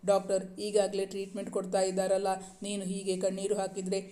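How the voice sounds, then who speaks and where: A woman voicing a calm middle-aged mother who reassures her son in a storybook reading. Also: medium pitch, brisk, lightly acted. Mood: reassuring.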